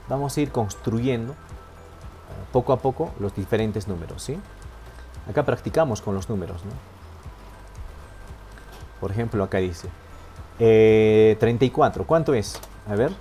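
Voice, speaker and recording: A man from Peru teaches a language class online, patiently explaining step by step and often checking in with his students. His voice is mid-range and warm.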